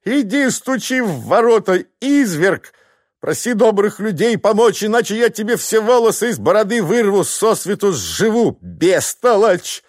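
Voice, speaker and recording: A man's voice: extremely high pitch, normal speed, few pauses, no room sound, clean studio sound, pitched above the performer's own voice. A man voicing a quarrelsome, aging peasant wife who screeches and scolds her husband. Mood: scolding.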